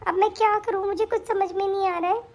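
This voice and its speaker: A woman voicing a young daughter-in-law who pleads for money and complains tearfully, in an animated story. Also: extremely high pitch, moderate pace. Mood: hurt.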